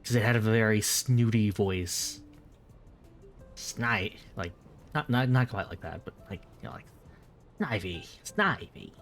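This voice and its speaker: A man streaming late at night, chatting casually and rambling, correcting himself as he replies to viewers. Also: on the low side.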